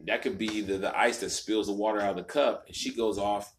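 Lower-voiced man in casual chat. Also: steady tone, brisk, slight background noise. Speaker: podcast co-host. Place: home garage.

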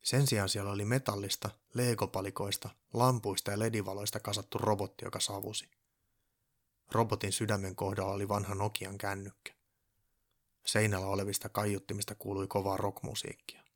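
A man calmly reading a children's story aloud as a storyteller. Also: on the low side. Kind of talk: storybook narration.

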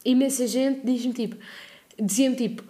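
A woman's voice: fairly high pitch, steady tone, normal speed, dark tone. A young woman with a European Portuguese accent, co-hosting a casual podcast chat and telling stories by acting out quoted phone calls. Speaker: podcast co-host.

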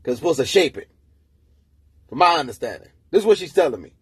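A man's voice: on the high side, quick pace, slightly rough, no room sound. A man hosting his own podcast, ranting casually and telling a story with lots of swearing. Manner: profane, animated storytelling. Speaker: podcast host. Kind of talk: casual solo rant. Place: room, early morning.

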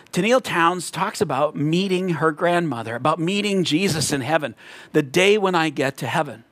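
Earnest high-voiced man telling a faith story. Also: fairly bright tone, no room sound. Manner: earnest storytelling with rising emphatic peaks. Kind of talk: reflective devotional talk.

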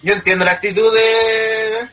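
A man's voice: high voice, flat delivery, a little slow, fairly bright tone, muffled recording, faint music behind. A man with a Chilean accent giving blunt, opinionated takes in a casual podcast, swearing freely. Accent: Chilean Spanish. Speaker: podcast co-host. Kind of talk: casual chat about wrestling.

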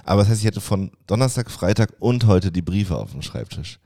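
A man co-hosting a casual podcast from an office, venting his frustration in quick, rambling bursts with frequent restarts. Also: low voice, expressive, warm tone. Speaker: podcast co-host.

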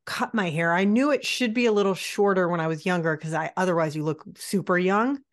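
A woman's voice: on the low side, fairly quick. A woman in her late forties talks casually as a podcast co-host. She is candid and self-deprecating, and her talk is loose and full of fillers. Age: 40s. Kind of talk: casual chat.

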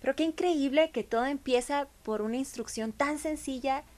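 A woman's voice: sits high, moderate pace, darkish tone. A woman host, interviewing attentively and affirming often. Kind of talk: conversational interview.

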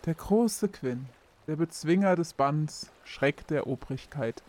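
A woman's voice: sits low, animated, slow, dark tone. A woman voicing a menacing, mocking young man in an audiobook, with a sneering, threatening manner.

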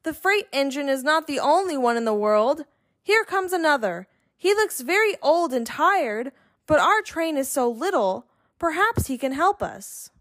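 A woman's voice: high voice, very animated, unhurried, fairly bright tone, no room sound, studio quality, exaggerated voice. A woman voicing a little toy, eager and beseeching, crying out in a children's storybook. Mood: encouraging. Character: little toy clown or doll, bright-spirited, beseeching.

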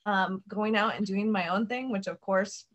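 A woman's voice: medium pitch, steady tone, moderate pace. A young woman from the United States, a podcast guest talking casually about her faith, with plenty of "like" and "um". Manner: chatty, peppered with "like" and "um". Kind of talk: casual conversation.

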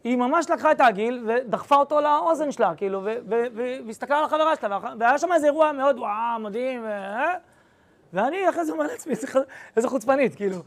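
With a very high voice, a young male rabbi tells his class a story about an episode. He keeps the storytelling slangy and animated.

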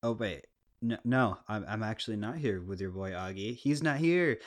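A man with a harsh stoner skater voice, rambling casually and unscripted through a solo podcast with crude, self-deprecating humor, clearly recorded on a podcast mic. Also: on the low side, lively intonation, moderate pace. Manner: laid-back, rambling and unscripted. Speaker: podcast host. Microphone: podcast microphone, clean close sound.

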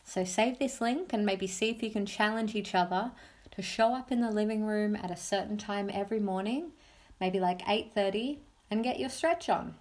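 A woman with a medium-pitched, darkish voice guides listeners through meditation on her mindfulness podcast. She soothes with simple, encouraging phrases, taking her time and pausing between instructions.

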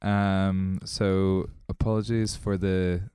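In a small podcast studio, a man co-hosts a casual chat, rambling in a relaxed way packed with fillers. His voice is low and slow, with a clean tone and clean, echo-free studio sound.

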